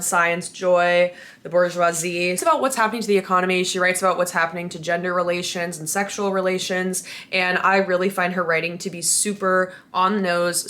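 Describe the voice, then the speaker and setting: Young woman doing a casual running vlog, kinda low voice, chatty and informal. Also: sharp tone. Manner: informal, chatty, mild swearing. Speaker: running vlogger. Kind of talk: casual chat to camera.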